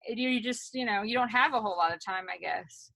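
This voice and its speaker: A woman's voice: fairly high pitch, fairly quick, creaky, a bit bright, dry recording. A woman co-hosting a casual podcast, chatty and leading the talk with questions. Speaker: co-host.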